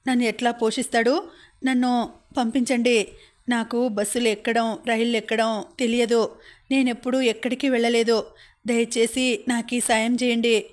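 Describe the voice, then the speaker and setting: A woman's voice: fairly high pitch, level tone, moderate pace, natural voice. A woman voicing a frightened young woman who tearfully begs for help in an audiobook story. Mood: pleading, frightened. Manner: tearful, pleading.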